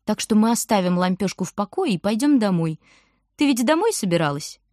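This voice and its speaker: A woman voicing a weary middle-aged male grocer who speaks low and firm. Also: sing-song, brisk, a little mellow, dry recording, clean studio sound, natural voice. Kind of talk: audiobook character voice.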